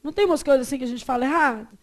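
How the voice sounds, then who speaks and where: A Brazilian woman teaching a Portuguese class, quizzing her students and drawing words out slowly to show how they are said. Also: high-pitched. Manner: lively, asks the class questions and answers them herself; stretches words out slowly to model pronunciation. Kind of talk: classroom lecture.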